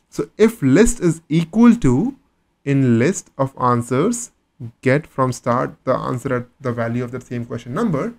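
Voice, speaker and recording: A man's voice: medium pitch, creaky. A man teaching a step-by-step coding tutorial, patiently posing questions and then answering them himself. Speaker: coding instructor. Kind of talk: screen-recorded coding tutorial.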